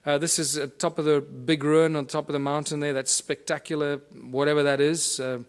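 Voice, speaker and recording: A man's voice: a little high, flat delivery, fairly quick, echoey room, poor audio. A man giving a lecture with a hands-on demonstration, explaining in a loose, rambling way with fillers and restarts.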